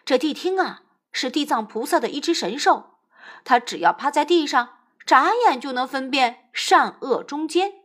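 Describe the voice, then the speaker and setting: A woman narrating a classic tale in a lively, expressive storybook reading. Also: high voice, moderate pace.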